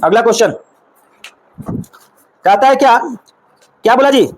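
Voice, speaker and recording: A man's voice: very high-pitched, expressive, unhurried, poor audio. A man with a Bihari Hindi accent teaching a class. He keeps asking the room questions and repeating the puzzle step by step in a coaxing, patient way. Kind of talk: classroom reasoning lesson.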